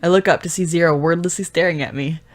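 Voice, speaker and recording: A woman's voice: on the low side, steady tone, fast. A woman co-hosting a let's-play, narrating a story game in first person and chatting between lines with frequent giggles. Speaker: co-host playing a story game.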